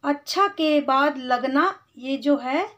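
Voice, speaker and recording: A woman's voice: sits high, fairly bright tone. A woman teaching Hindi grammar to children, patiently explaining and calling them "beta". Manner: patient, explains slowly, calls students beta. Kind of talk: classroom lesson for children. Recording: slightly dull lo-fi sound.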